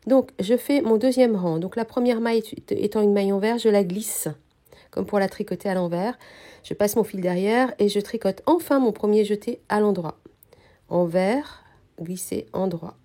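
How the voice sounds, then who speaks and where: Mellow-voiced woman with a slightly stuffy, nasal cold. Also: medium pitch. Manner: calm, hesitant explaining with many pauses. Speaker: knitting instructor. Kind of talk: knitting tutorial.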